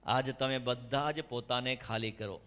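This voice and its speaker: A man's voice: medium pitch, unhurried, fairly bright tone. A middle-aged male pastor preaching an impassioned sermon and calling on the congregation to answer him. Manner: impassioned preaching with call-and-response. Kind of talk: fiery sermon. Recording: echoey hall reverb.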